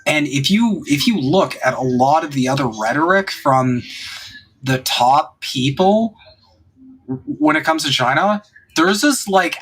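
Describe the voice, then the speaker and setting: Husky, profane man talking politics. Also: on the high side, fairly bright tone. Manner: profane, emphatic, opinionated. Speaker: podcast host. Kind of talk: casual political talk.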